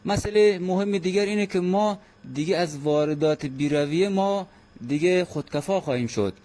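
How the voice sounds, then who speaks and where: Mellow-voiced man speaking earnestly. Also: high-pitched. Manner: earnest, measured, frequent hesitant fillers. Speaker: guest expert. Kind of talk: formal radio interview.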